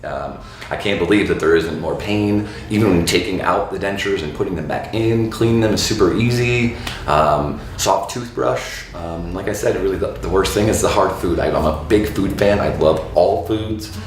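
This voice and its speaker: A man's voice: low voice, normal speed. A man in his thirties from Florida talking casually and frankly to camera as a dental patient, with lots of fillers. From Florida, USA. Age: 30s. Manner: relaxed, frank, many fillers and um's. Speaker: dental patient giving a testimonial. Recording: very echoey room with faint background noise.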